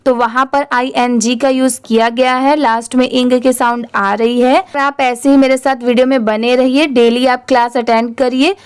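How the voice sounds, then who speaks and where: A woman's voice: fairly high pitch, darkish tone, smooth, dry recording, clean studio sound. A woman teaching English reading who spells words out letter by letter and then blends them into whole words. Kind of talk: slow spelling-out reading lesson.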